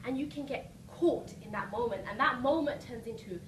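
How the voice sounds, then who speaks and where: A woman's voice: on the high side, normal speed. A woman giving a rousing, emphatic motivational seminar talk as a coach, often checking in with short questions. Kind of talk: motivational seminar speech to a live audience. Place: live seminar room with audience. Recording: roomy echo, distant mic, noisy background.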